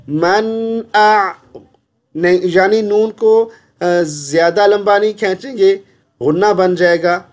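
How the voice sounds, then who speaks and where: A man teaching Quran recitation in speech, patiently drawing out syllables and repeating them to correct mistakes. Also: on the high side. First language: Urdu. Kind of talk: slow tajweed lesson with drawn-out recitation.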